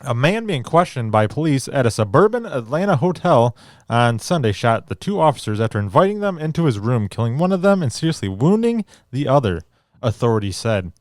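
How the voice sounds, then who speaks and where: A man's voice: medium pitch, very animated, a little fast, darkish tone, no echo, clean studio sound. A man co-hosting a casual podcast, reading news articles aloud and riffing on them with sarcastic, profane asides. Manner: sarcastic, swearing, reads articles and riffs on them. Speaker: podcast co-host.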